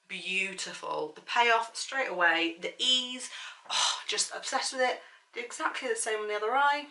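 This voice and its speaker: A woman's voice: medium pitch, sharp tone, low-quality recording. A woman chatting casually through a makeup tutorial in a bubbly, gushing manner, with a slight lisp on her s sounds. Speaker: beauty vlogger.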